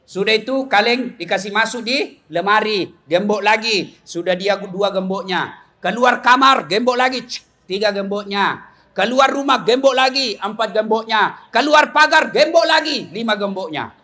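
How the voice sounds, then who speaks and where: A man preaching a comic sermon to young people, telling lively stories, mimicking voices and shouting. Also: high voice, moderate pace.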